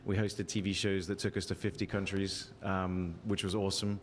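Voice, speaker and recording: A man in his forties with a softened English accent, chatting as a guest on a live show, self-mocking and quick to laugh at his own jokes. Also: deep voice, little pitch movement, in a large hall, a little hiss or hum. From England. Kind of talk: casual live interview.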